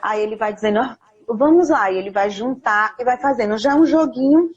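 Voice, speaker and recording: A woman speaking earnestly and encouragingly on a live video call, giving parents advice and reading scripture slowly. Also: on the high side, lo-fi sound. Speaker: invited guest speaker. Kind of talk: casual live chat with teaching tips. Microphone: phone or laptop on a live video call.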